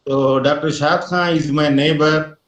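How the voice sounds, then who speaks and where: A man's voice: on the high side, steady tone, a little slow, fairly bright tone. A courteous man introduces himself as an associate dean on a video call and thanks everyone more than once. The audio is echoey and roomy. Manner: courteous, repeats his thanks.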